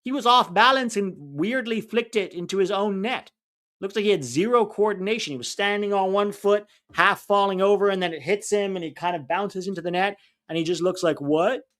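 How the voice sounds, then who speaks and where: A high, fairly bright male voice belongs to a co-host of a live soccer watch-along stream. Speaking with a mixed accent that's tough to identify, he chats casually about the match and is blunt, opinionated and quick to vent.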